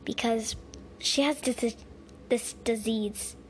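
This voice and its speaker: A young girl voicing a kind, grieving grandfather who speaks haltingly with many pauses and fillers, in a home-made story. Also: very high-pitched, fairly even intonation, slight background noise. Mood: sad. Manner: hesitant, halting speech with fillers. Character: kind grieving grandfather, gentle and soft-spoken.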